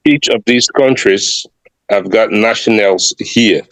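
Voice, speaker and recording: Man, from West Africa, middle-aged, low voice, dry close sound, measured explanations. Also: a bit bright, no echo, poor audio. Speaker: community leader guest. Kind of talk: interview answers.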